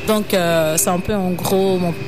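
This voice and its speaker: A young woman from Ivory Coast, a student designer and activist, answering interview questions earnestly, often pausing with fillers. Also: on the low side, fairly even intonation, over music. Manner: earnest, hesitant with many fillers.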